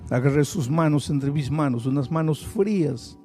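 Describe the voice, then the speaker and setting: A man's voice: a little high, moderate pace, faint music behind. Man preaching with mounting intensity. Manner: storytelling that builds to loud, emphatic preaching. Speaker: pastor. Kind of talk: sermon.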